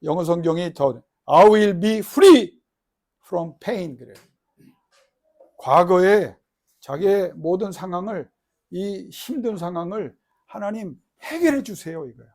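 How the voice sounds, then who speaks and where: A middle-aged male pastor preaching in a high voice. He moves between loud, crying-out prayer and soft, low asides. He keeps asking the congregation questions and has them repeat lines after him. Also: lively intonation, a little slow. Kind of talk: sermon.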